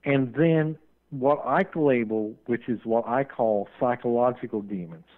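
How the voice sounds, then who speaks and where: A man's voice: medium pitch, measured pace. A man being interviewed as a paranormal investigator on call-in radio, talking at length and running on in a rambling way. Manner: talkative, rambling, admits he runs on. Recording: tinny phone line.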